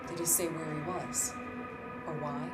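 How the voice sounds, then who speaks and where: Woman acting tough, low-voiced female homicide detective. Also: level tone, unhurried. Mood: insistent. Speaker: actor. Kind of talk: dramatic interrogation scene acting. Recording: loud music behind the voice. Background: loud instrumental music.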